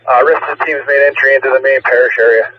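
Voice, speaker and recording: A man speaking as a police tactical officer over radio, giving halting, piecemeal reports in call signs. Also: medium pitch, steady tone. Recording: noisy muffled police radio, distant mic. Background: loud noise and radio clicks.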